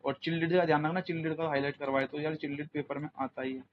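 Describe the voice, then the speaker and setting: A man's voice: fairly high pitch, flat delivery, fast talker. A young man teaching English vocabulary for an exam, chatting in Hindi mixed with English words and quizzing his students. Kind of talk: exam coaching lesson. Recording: muffled lo-fi audio, faint room noise.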